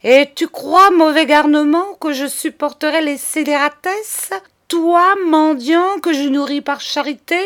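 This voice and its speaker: A woman voicing a spiteful, miserly older woman who scolds in shrill, furious outbursts. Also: very animated, normal speed, hardly any pauses, lightly acted. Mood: furious scolding.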